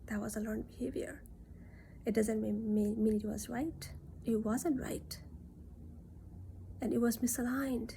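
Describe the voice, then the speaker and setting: A woman from Nepal, talking in an earnest, reassuring monologue that often drops into soft near-whispers. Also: fairly high pitch, fairly even intonation, measured pace, vocal fry, long pauses, slight background noise. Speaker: self-reflection vlogger. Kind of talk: casual reflective monologue.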